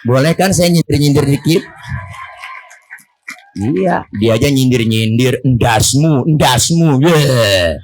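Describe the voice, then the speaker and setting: Middle-aged Betawi man, comic preacher who teases the crowd, middle-pitched voice, loose and colloquial delivery. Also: expressive, takes it slowly, pauses often, slight background noise. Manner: joking, teasing the crowd, colloquial. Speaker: Islamic preacher. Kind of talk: comedic sermon. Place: Prophet's birthday gathering in a village neighborhood.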